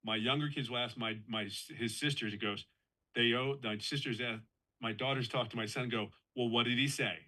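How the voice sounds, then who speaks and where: A man's voice: mid-range voice, fairly even intonation, a little fast, sharp tone, low-quality recording. A man in his fifties sharing his personal story as a guest on a live call, earnest and conversational, often restarting and repeating himself for emphasis. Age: 50s.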